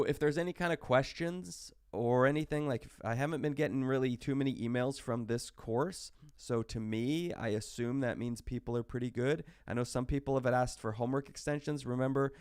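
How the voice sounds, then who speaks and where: A man's voice: mid-range voice, a little mellow, clean tone, no echo, clean studio sound. A sick man with hiccups, casually talking through a recorded online math lecture with many fillers and restarts. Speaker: math instructor.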